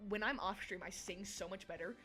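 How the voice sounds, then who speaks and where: At a medium pitch and a brisk clip, a young adult woman talks with her stream audience in a fairly bright tone. Faint music runs underneath as she giggles, loses her train of thought, and jumps around between topics in casual livestream chatter.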